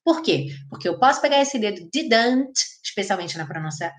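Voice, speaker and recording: A woman from Brazil teaching a live online English lesson, explaining pronunciation with energy and slowly modeling phrases. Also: fairly low pitch, expressive.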